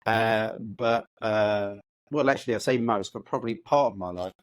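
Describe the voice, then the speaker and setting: A UK-raised man in his fifties, chief executive of a housing organisation, guests on a conversational podcast interview. His lowish voice is clean in tone and moderately paced. He's upbeat and reflective, with many hesitations and restarts.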